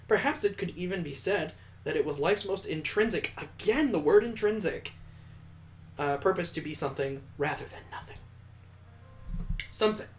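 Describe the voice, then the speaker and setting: This male gaming host performs visual novel text in a lively, teasing manner, slipping in humorous comments of his own. He sits a touch high in pitch, and a faint hiss or hum runs under the audio.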